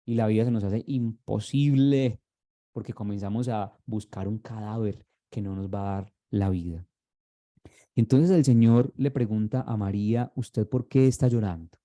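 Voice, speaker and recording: A man's voice: fairly low pitch, fairly even intonation, moderate pace, mellow. A man, preaching a sermon as a pastor, earnest and repeating his words as he fires rhetorical questions at the congregation.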